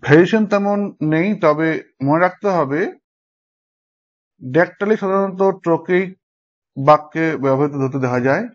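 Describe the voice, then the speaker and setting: A man teaching a lesson, explaining step by step and pausing to check that his students follow. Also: a little high. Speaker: English teacher. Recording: dull lo-fi sound.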